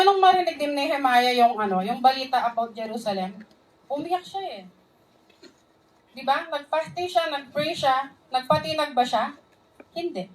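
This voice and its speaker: A woman's voice: high-pitched, recorded from a distance, rough recording. A woman preaching a sermon in an earnest way, mixing in English phrases and calling on the congregation to respond.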